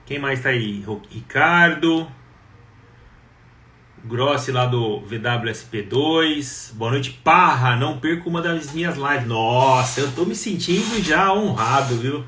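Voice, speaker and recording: A man's voice: medium pitch, animated, slow pace, fairly bright tone. Chatty man hosting a roomy live stream. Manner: chatty, greets viewers one by one. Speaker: live show host. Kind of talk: casual live-stream chat. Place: home, Ribeirão. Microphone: wireless mic. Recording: roomy and distant with faint background noise.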